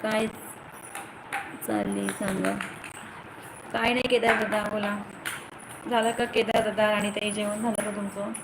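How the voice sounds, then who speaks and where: A woman's voice: mid-range voice, animated, a little slow, pauses often. A young woman from the Konkan coast, hosting a casual phone live stream, greeting viewers by name and answering comments. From Ratnagiri, Konkan, India. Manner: chatty, greets viewers by name, calls to her children. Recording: echoey phone recording with loud background noise.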